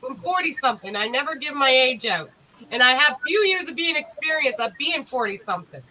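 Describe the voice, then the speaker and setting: A woman's voice: sits high, lively intonation, fairly quick, sharp tone, a little hiss or hum, rough recording. A woman in her forties chatting as a guest on a livestream, playful and teasing. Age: 40s. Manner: playful and teasing, laughs easily. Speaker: guest in the chat. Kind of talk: casual chat.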